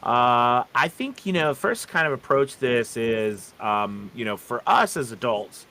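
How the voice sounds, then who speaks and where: A man's voice: medium pitch, animated, unhurried, bright, forceful tone. A man hosting a casual live stream, talking in a rambling way and often checking in with "you know" and "right". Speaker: live show host.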